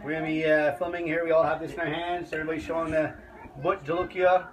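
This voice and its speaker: A man's voice: fairly high pitch, level tone, quick pace, a crowd in the background. A middle-aged man, chatting casually to camera as host of a homemade challenge video. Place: home kitchen. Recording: noisy handheld home video.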